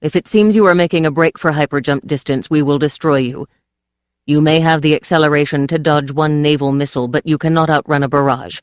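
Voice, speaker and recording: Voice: medium pitch, fairly quick, clean tone, no echo, studio quality, close to an everyday voice. A reader voicing a cold, formal alien commander. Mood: coldly formal. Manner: flat, formal, threatening. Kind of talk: audiobook character voice.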